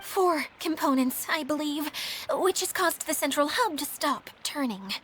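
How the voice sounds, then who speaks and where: Voicing a shy, formal video game caretaker of a mascot, a woman sounds earnest, polite and quick to apologize, hesitating as the character gets flustered. Her high-pitched, slightly bright voice has lively intonation and a somewhat slow pace, with faint hiss or hum behind it.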